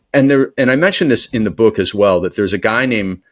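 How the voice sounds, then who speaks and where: A performance coach appears as a podcast guest, speaking in a fairly low voice. In this interview he comes across as energetic and motivational, rambling with lots of fillers at a slightly fast clip.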